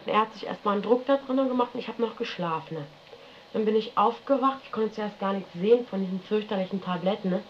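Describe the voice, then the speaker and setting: A woman's voice: medium pitch, fast talker. Woman rambling on an old lo-fi tape. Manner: rambling, colloquial, tags sentences with "ne?". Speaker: interviewee recounting her life. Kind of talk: casual spoken recollection. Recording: dull lo-fi archival radio tape with faint hiss.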